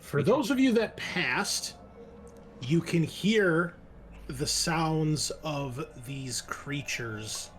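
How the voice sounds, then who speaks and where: Running a tabletop RPG, this game master tells the story in a conversational style broken by halting pauses, his voice mid-range.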